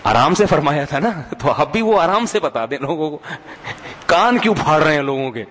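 A man's voice: a little high, very animated, normal speed, a bit bright, big-room sound. A man giving a sermon in a conversational way, telling humorous anecdotes and often asking his audience to answer back. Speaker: religious preacher.

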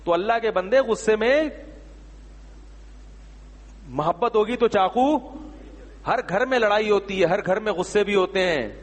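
A man's voice: high-pitched, pauses often, big-room sound. A man giving religious answers to questions in an emphatic, rhetorical manner, sometimes scolding. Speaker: Islamic scholar answering questions. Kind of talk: religious Q&A talk.

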